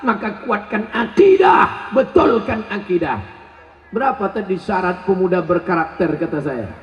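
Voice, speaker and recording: Lively high-voiced male preacher, echoey. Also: moderate pace, faint music behind. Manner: animated, joking, shouts questions at the crowd. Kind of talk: humorous sermon to a crowd. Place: large event hall. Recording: echoey, dull lo-fi sound.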